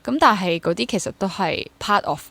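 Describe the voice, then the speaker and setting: A young theatre actor and drama teacher with a Hong Kong Cantonese accent talks briskly as an interview guest, slipping in English words. Her medium-pitched voice is creaky yet fairly bright, and there's no echo.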